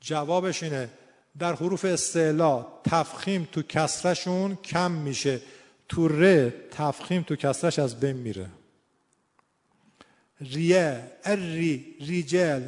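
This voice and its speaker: A fairly high-voiced man teaching recitation, his words trailing off into a long reverb. He explains a point, then sounds out syllables again and again, stretching them slowly to show how they should be said. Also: lively intonation, darkish tone. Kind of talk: tajwid lesson with demonstrated recitation.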